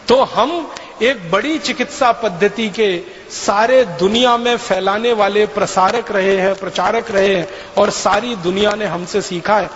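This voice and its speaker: A man's voice: high-pitched, a bit bright. A man giving a public lecture, telling a story emphatically and repeating phrases for effect. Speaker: speaker lecturing an audience. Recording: dull, lo-fi hall recording with faint noise.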